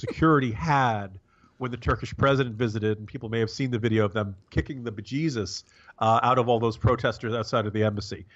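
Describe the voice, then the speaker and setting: American man, halting sarcastic podcast chat about politics, sound a bit lo-fi. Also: medium pitch. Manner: halting, rambling, wry and sarcastic. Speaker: podcast co-host and political commentator. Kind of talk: casual wry political commentary.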